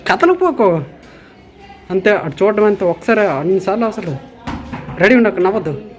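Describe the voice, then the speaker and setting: A woman's voice: medium pitch, expressive, normal speed, soft background music. A woman directing actors on a film set, coaxing them with repeated cues to get ready and stay serious.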